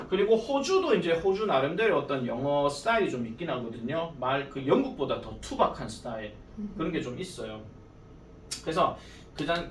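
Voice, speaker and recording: A man teaching an English grammar lesson at a cram school. He talks casually and jokes, and reads the English lines out slowly. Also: fairly high pitch, a bit bright, a little hiss or hum. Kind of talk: classroom grammar lecture. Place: classroom. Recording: echoey classroom from far off.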